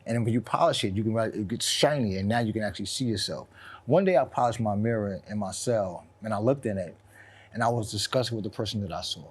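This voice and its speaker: A man in his forties from Queens, New York, speaking candidly as an interview guest, reflective, with frequent pauses and restarts. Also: fairly low pitch, slightly rough. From South Jamaica, Queens, New York. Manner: reflective, soft-spoken, frequent ums and repeats.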